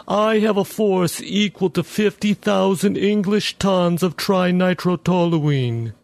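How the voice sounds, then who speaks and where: A man reading aloud puts on a talking nuclear bomb with a trace of pride. It speaks high and unhurried, spacing each number out like a countdown, in a dry, close recording. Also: creaky, no echo, heavily acted. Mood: proud calm. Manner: slow, measured announcements.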